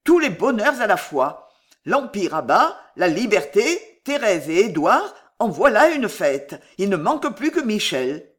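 Reader doing a jovial one-armed patriot, exclamatory, lively swooping voice, audiobook. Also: medium pitch, normal speed. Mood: jubilant.

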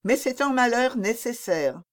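Woman doing a melancholy young princess, gentle but firm, slow, lively pitch, audiobook. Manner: soft, sad firmness. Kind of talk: audiobook reading.

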